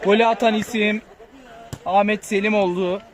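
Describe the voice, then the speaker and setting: A man giving live play-by-play football commentary, lifting into excited, drawn-out calls on shots and goals. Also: high voice.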